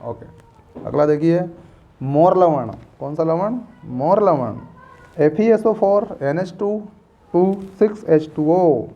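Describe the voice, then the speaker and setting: A man's voice: on the high side, lively intonation, slow pace, dark tone. A man teaching a class, playfully repeating memory tricks and quizzing his students. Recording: dull lo-fi recording.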